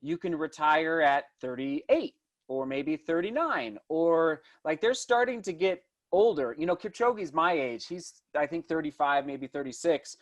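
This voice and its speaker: A man's voice: a little high, expressive, unhurried, hardly any pauses. A man in his thirties talking casually as an interview guest, enthusiastic and rambling, often restarting his thoughts mid-sentence. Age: 30s. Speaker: interview guest, distance runner and vlogger.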